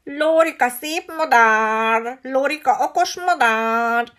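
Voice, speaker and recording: Woman doing a screechy vain budgie. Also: fairly bright tone. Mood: chanting proudly. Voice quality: shrill, screechy. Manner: slow sing-song self-praise. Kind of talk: storybook reading.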